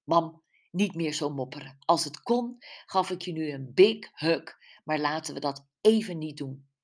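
A woman's voice: low voice, lively intonation, measured pace, darkish tone, exaggerated voice. A woman voicing a cheerful, teasing young woman detective in an audiobook. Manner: playful, teasing.

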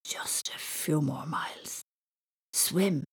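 A woman voicing an eager, imaginative young boy who whispers and shouts breathlessly. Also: on the low side, lively intonation, measured pace, slightly rough, exaggerated voice. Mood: sleepy murmuring.

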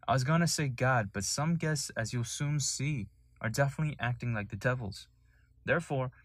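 A man's voice: mid-range voice, no echo. A young man from Nepal hosting a solo podcast, telling his story in an earnest, sometimes indignant way. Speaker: podcast host.

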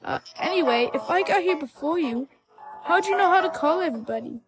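A woman's voice: extremely high pitch, expressive, a little fast, over music, voice pushed up, low-quality recording. A woman voicing a laid-back, pun-loving male skeleton. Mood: casual. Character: lazy joking male skeleton.

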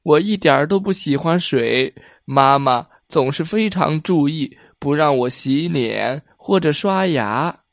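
A fretful little witch girl, as a man puts her on, whines in a raised, childlike pitch. She sounds shy and close to tears in a storybook reading. The sound is dry and close. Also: expressive, measured pace, no room sound. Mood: tearful. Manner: whiny and fretful.

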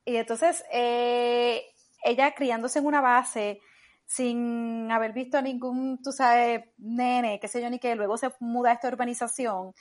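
A woman, a podcast guest chatting in an animated way and laughing easily. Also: fairly high pitch, unhurried. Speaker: podcast guest, actress and comedian. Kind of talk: casual podcast chat.

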